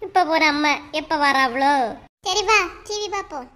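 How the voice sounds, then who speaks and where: A woman with a Kanyakumari Tamil accent who voices every character in a cartoon story, in lively village banter full of teasing asides. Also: sits high, normal speed.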